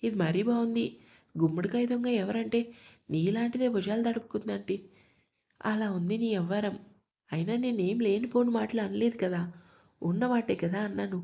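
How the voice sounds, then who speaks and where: A woman's voice: mid-range voice, normal speed, creaky, long pauses, mellow. A woman voicing a haughty, taunting older mother-in-law. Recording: lo-fi dull sound.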